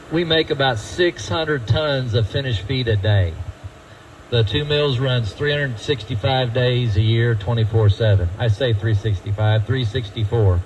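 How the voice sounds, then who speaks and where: A man's voice: mid-range voice, darkish tone, muffled recording, slight background noise. A man guiding a group through a feed mill, folksy and quizzing the crowd. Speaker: tour guide at a feed mill. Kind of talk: guided tour talk to a group.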